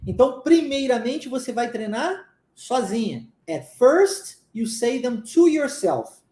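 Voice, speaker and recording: A Brazilian English teacher leads a live lesson, drilling phrases over and over and often pausing to ask whether it is clear. The voice is mellow and warm. It rings in an echoey room. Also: mid-range voice, sing-song. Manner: drills by repetition, checks understanding often.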